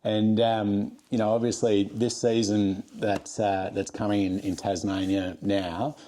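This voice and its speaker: Dark-voiced, low Australian man, casual interviewer. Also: flat delivery, measured pace. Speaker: podcast interviewer.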